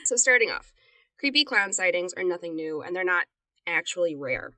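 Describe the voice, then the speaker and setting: A woman's voice: on the low side, lively intonation, moderate pace, sharp tone, dry recording. A woman co-hosting a podcast in casual, giggly, self-mocking chat, recorded inside a closet. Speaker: podcast co-host.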